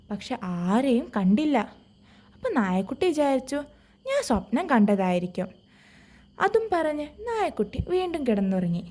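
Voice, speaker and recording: High, expressive woman storyteller. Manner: expressive, addresses children directly. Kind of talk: children's bedtime story narration.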